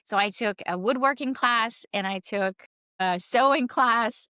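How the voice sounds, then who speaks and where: Her voice is fairly high, bright, forceful, clear and resonant, and she speaks a little slowly. She is a Canadian woman in her forties, a native French speaker with a French Canadian accent, who rambles with many fillers as the guest in a casual interview about her work as a circus performer and realtor. The recording is studio quality with no echo.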